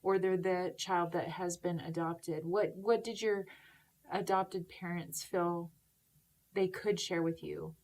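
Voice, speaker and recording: A woman's voice: lowish voice, fairly even intonation, slow, a little mellow. A woman hosting a talk show, encouraging her guest with follow-up questions. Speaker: host.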